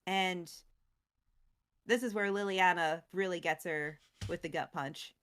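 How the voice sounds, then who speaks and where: A woman co-host recapping a story in casual chat, animated and full of fillers. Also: on the low side, unhurried, clean tone.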